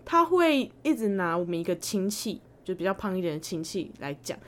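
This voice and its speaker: A young woman co-hosting a casual podcast chat, telling family stories with lively mimicry and frequent laughter. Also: mid-range voice, fairly quick, slight background noise. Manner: animated storytelling, mimics parents, laughs often. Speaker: podcast co-host.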